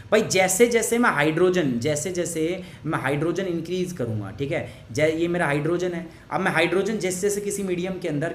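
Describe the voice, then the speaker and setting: A man's voice: on the high side, roomy sound, a little hiss or hum. A male teacher explaining a science lesson to students. He keeps asking questions and answers them himself, slips English phrases into his sentences, and patiently goes over points again.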